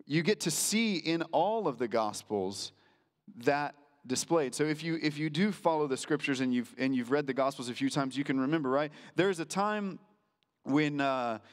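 A man's voice: fairly high pitch, lively intonation, moderate pace, big-room sound. A man preaching as a pastor in a casual, conversational way, full of fillers and restarts. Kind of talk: sermon.

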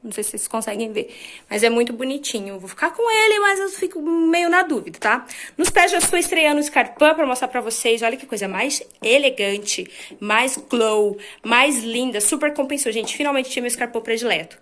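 A woman's voice: on the high side, animated, brisk, a bit bright. Chatty woman showing off clothes. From Brazil. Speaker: fashion vlogger. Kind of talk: casual shopping haul chat. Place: small bright room at home, indoors. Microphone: camera at a short distance, then phone held at a mirror.

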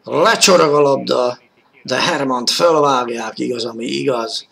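A man giving live football commentary on an old 1980s television broadcast, excited and rising to shouts at key moments. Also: medium pitch, gravelly.

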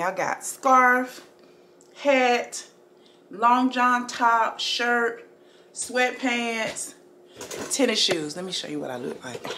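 Slow, easygoing woman vlogging. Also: a little high. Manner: chatty, relaxed, addresses viewers as family and y'all. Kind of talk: casual vlog chat to camera. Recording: echoey room, faint background noise.

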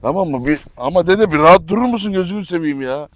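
High-voiced man vlogging among his dogs. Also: lively intonation, fast talker, no echo. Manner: affectionate baby talk to dogs, sharp commands. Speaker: dog breeder vlogger. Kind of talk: casual vlog talk to camera and dogs. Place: outdoor yard with dogs. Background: dogs barking.

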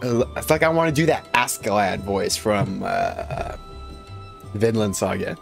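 A man's voice: lowish voice, measured pace, vocal fry, soft background music. Male streamer, casual gamer talk, self-mocking. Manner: chatty, self-mocking asides. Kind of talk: casual game commentary.

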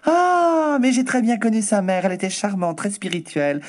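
A haughty aristocratic duchess, sharp-tongued and mocking, as a male reader puts her on. Her voice leaps high and swoops with imperious disdain. Every word is clipped and theatrical. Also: big pitch swings, a little fast. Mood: surprised.

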